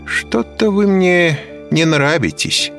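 A man with a deep, creaky voice playing a stern professor who gives brisk, authoritative orders in an audiobook. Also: a bit bright, faint music behind, full character voice. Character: stern commanding middle-aged male professor.

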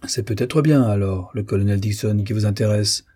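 A man's voice: on the low side, brisk, warm tone, slightly rough. A man reading the part of a teasing, indulgent older male doctor in a novel.

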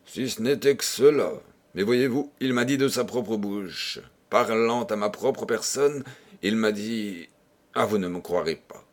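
A man's voice: lowish voice, measured pace, natural voice. A man doing a flustered fussy concierge. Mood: agitated. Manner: pleading, stammering protest. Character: flustered fussy middle-aged male concierge.

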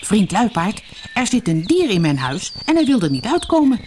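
Storybook critter: a woman doing a scared male rabbit, high and pleading, lively pitch. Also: normal speed, a little hiss or hum, close to an everyday voice.

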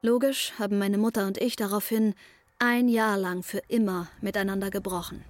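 In a radio play, an actress portrays an intense, troubled young woman recounting her breakdown in a wry, matter-of-fact way. Her natural voice is medium-pitched and steady at normal speed, in a dry recording.

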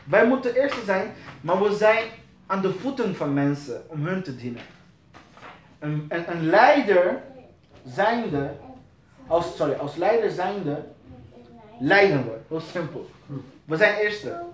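A man teaching church leaders, animated, repeating phrases and searching for words. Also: sits high, takes it slowly, pauses often, roomy sound. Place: church hall.

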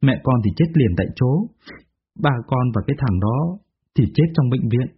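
Brief: a man as a calm older uncle, consoling, husky voice, phone-like sound. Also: medium pitch, normal speed. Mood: sorrowful. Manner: gentle, sorrowful.

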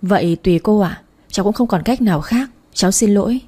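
A woman's voice: mid-range voice, fairly quick, warm tone, husky, lightly acted. A woman voicing a polite young female shop clerk who speaks deferentially and apologizes, in a read-aloud story. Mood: apologetic.

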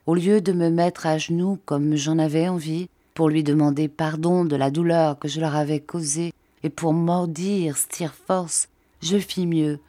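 Woman audiobook narrator, low mellow voice, steady delivery, dry close mic. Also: dry recording. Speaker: audiobook reader.

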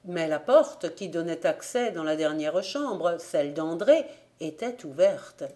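A woman narrating an audiobook of a classic novel as a volunteer reader, reading in a steady, measured literary way. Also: on the low side.

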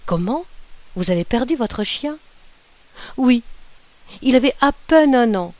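A woman's voice: a little high, animated, a little slow, a little mellow, pitched above the performer's own voice. Woman doing a stammering, henpecked young husband. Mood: desperate. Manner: stammering, meek.

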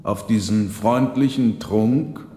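A man's voice: fairly low pitch, takes it slowly, dark tone. A man voicing an old grieving marchese, speaking in a pleading, emotional way. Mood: hosting. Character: old grieving male marchese, gentle host. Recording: roomy with long reverb, faint noise.

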